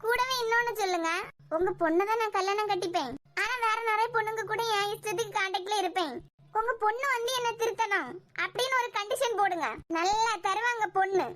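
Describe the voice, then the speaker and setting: A woman's voice: very high voice, fairly quick, a bit bright. A woman with a Kanyakumari Tamil accent voicing a firm, defiant young woman in a cartoon web series. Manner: curt, defiant.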